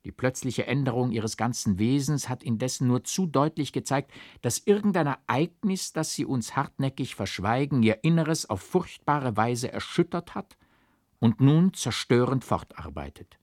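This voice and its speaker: A man's voice: mid-range voice, lively intonation, moderate pace, darkish tone, no echo, studio quality, lightly acted. A man reading the part of an earnest old man in an audiobook, coaxing and pleading, rising to fervent exhortation.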